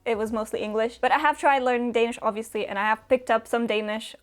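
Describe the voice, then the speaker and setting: Chatting casually while answering viewer questions, a young booktuber from Romania fills her talk with fillers and small laughs. She speaks fast in a clean, steady, slightly high voice, with faint music in the background.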